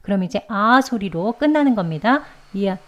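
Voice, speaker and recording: A woman whose first language is Korean, teaching English pronunciation in a patient lesson. She slows right down to repeat sounds over and over so learners can copy them. Her voice sits at an ordinary middle pitch for a woman. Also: expressive, dull audio. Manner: patient, slow demonstrations of sounds.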